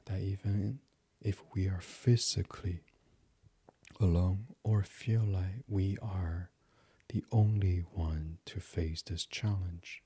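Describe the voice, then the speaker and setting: A man's voice: low voice, steady tone, slightly rough, no echo. A man leading a guided meditation in a soothing voice that often drops to a whisper. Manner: slow, soft and soothing, drifting into whispers.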